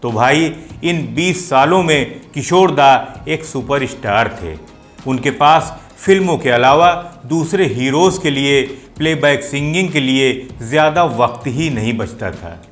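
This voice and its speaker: With music in the background, the host of a film music show talks viewers through his commentary. He speaks at a medium pitch and an unhurried pace.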